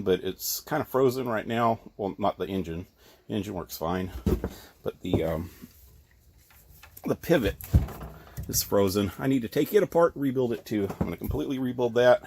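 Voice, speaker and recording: A man's voice: lowish voice, gravelly, darkish tone, slight background noise. A man giving a casual, rambling tour of his tiny workshop outdoors, filled with ums and restarts, recorded on a handheld camera. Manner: rambling, chatty, with many ums and self-corrections. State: a little out of breath. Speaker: hobby woodworker giving a shop tour. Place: outdoors at an RV park among trees.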